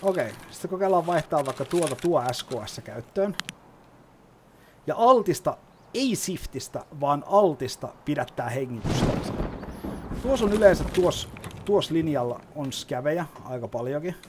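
A man's voice: on the high side, lively intonation, noisy background. Swearing man narrating his gameplay. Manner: chatty, explains as he plays, swears often. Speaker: gaming YouTuber. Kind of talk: gameplay commentary.

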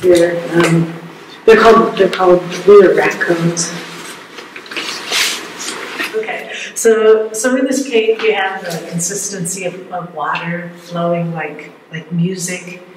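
A man's voice: high-pitched, fairly even intonation, slow pace. A man working as a cave tour guide, explaining the formations patiently with frequent restarts. His voice carries a cave echo from inside a limestone cave. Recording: echoey cave recording, faint noise.

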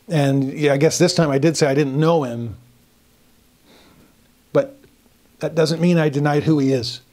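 A man giving a verse-by-verse scripture lesson, reading verses slowly and acting out the characters' thoughts. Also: on the high side, steady tone, warm tone. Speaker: scripture teacher.

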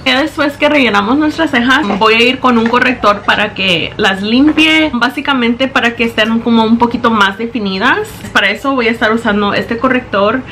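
Her voice a little high, bright and forceful, a young beauty vlogger explains each makeup step at normal speed with hardly any pauses, chatting in Spanish with English slipping in. She records in her small bedroom on a camera close in front of her, and a little hiss or hum can be heard.

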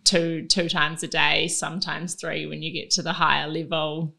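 A woman's voice: low voice, moderate pace, gravelly. A young woman with a New Zealand accent, chatting easily as an interview guest in a living room, close to a studio mic. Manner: relaxed, chatty, laughs easily. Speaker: guest, Olympic rower. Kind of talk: casual interview chat. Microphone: studio mic on boom arm.

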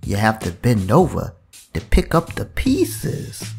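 A man doing a gravelly, leering cartoon inmate. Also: lowish voice, wildly swooping pitch, slow pace, a little mellow, soft background music, exaggerated voice. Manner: oily, teasing, suggestive drawl. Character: creepy male prison inmate, leering and sly. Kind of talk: cartoon parody voice acting.

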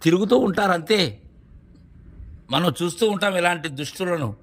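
A man's voice: sits high, lively intonation, normal speed. A man, a spiritual teacher, explaining verses in a devotional discourse, repeating his points and asking rhetorical questions.

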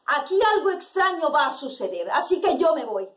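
A woman's voice: sits high, very animated, normal speed, a bit bright, reverberant, distant mic. A woman voicing a boastful, resolute macho village man. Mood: defiant.

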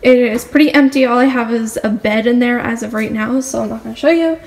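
A teen girl, phone held at arm's length, rambles chattily through a house tour, her speech full of fillers. Her voice is on the high side, a little fast and a little mellow. The house is empty with bare walls, so the rooms echo over a faint hum.

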